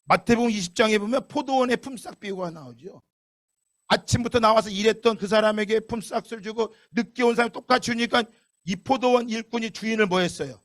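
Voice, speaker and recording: High-voiced man preaching emphatically. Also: brisk. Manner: emphatic, with many rhetorical questions; swings between loud outbursts and soft asides. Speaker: pastor. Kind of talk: sermon.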